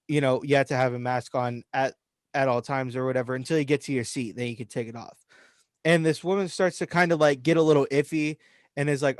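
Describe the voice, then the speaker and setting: A young man, telling an animated story about a rude customer in a casual podcast chat. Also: medium pitch, dry recording, studio quality. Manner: animated storytelling, voice rising when venting. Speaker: podcast co-host.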